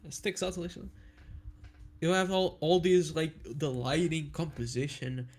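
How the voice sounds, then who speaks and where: A young man who is a guest on a casual online chat, with a slightly high-pitched voice. He gives blunt, slangy opinions with plenty of conviction. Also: fairly even intonation, moderate pace. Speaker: guest animator.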